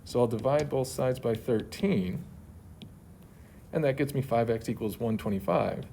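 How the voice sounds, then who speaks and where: A man's voice: medium pitch, normal speed, creaky, warm tone. A male math teacher explaining homework solutions step by step, his voice slightly muffled by a face mask. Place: at a school. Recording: muffled through mask, faint background noise.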